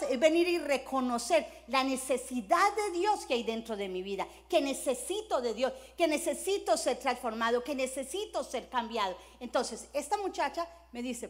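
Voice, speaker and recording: Middle-aged lady pastor, high voice, preaching thru stories, acts stuff out w little sound words. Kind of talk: sermon with personal stories.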